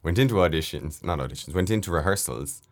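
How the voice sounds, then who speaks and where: A young Irish actor with a low voice talks quickly as a guest in a casual interview. Relaxed and chatty, he shares anecdotes from his work.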